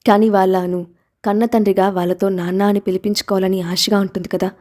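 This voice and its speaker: A woman's voice: mid-range voice, level tone, fairly quick, a little mellow, lightly acted. Woman voicing a proud, possessive husband. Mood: persuasive. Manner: intense, pleading then domineering.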